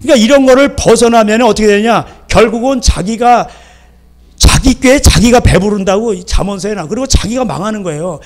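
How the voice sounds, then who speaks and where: A male pastor delivers a sermon, his voice sitting high for a man. He talks in a lively, conversational way and often stops to check that the congregation is following. Now and then he slips into acting out a stern parent. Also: fairly quick. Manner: lively, acts out scolding parents. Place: church sanctuary.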